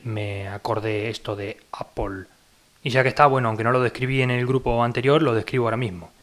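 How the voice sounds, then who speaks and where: A man hosting a solo podcast, bluntly ranting with exacting opinions and slowing down to spell out how words should be said. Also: medium pitch. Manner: slows down to spell out pronunciations. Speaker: podcast host.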